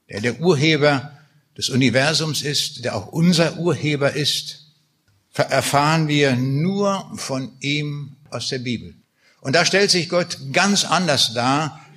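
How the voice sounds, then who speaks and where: Man, preacher, sermon, husky voice, emphatic, drawn-out key phrases. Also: a little high, pushed and bright.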